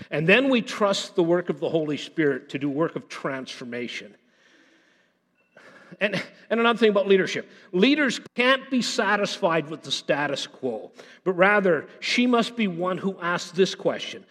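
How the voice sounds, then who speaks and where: A man preaching a sermon as pastor, animated, often repeating words and dropping to a hushed intensity. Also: high-pitched, moderate pace. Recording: long hall reverb.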